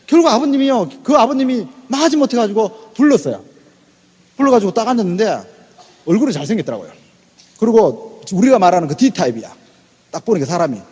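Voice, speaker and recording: A man telling a motivational story to an audience, acting out the dialogue and breaking into shouts. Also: high-pitched, breathy edge, long reverb tail. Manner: animated, acts out quoted dialogue, bursts into shouts; hot-tempered. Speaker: sales business presenter.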